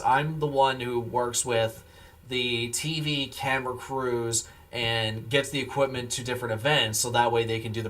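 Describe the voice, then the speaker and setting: A man's voice: medium pitch, a bit bright. A man live streaming, chatting casually with viewers in a laid-back, rambling way. He sounds tired after a long day. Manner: laid-back and rambling, replies to chat messages.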